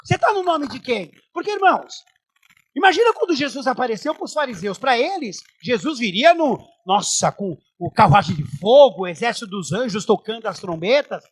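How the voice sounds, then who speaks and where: A middle-aged man, a pastor preaching a sermon in a church, animated and conversational with humor. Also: very high voice, normal speed, breathy edge, no room sound.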